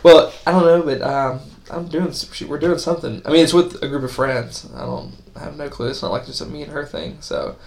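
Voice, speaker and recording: A man's voice: fairly high pitch, brisk, gravelly, hardly any pauses, a little mellow. A man in his twenties hosting a podcast, a youth pastor who talks in a loose, chatty way with frequent fillers. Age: 20s. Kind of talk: casual interview chat.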